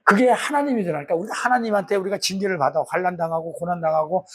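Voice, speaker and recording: A man's voice: high-pitched, racing. A middle-aged man, a pastor teaching a Bible study in a colloquial way, acting out the voices he quotes.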